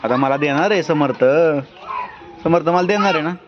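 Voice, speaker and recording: A parent who vlogs about family life speaks at normal speed in a deep voice, casually fussing over her small children and alternating between scolding and coaxing them. The recording has a dull lo-fi quality with loud outdoor noise.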